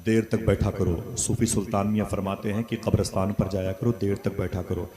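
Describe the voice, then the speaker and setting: Male preacher, low voice, storytelling sermon, prompts the crowd; crowd audible behind. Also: little pitch movement, brisk. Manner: storytelling, calls for responses.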